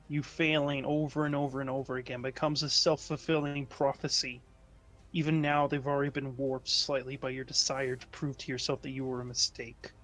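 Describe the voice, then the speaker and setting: A man playing a stern male mentor who speaks gravely in a tabletop game. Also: mid-range voice, fairly bright tone, natural voice. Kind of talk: tabletop role-play.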